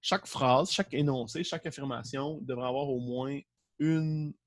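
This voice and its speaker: A man with a Québécois French accent teaches an online class from a home setup with a green screen. His voice carries a gravelly, creaky edge over a dry, close sound. He talks loosely, jokes around and keeps restarting his words. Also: mid-range voice, fairly even intonation, normal speed, no echo. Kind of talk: casual online class lecture.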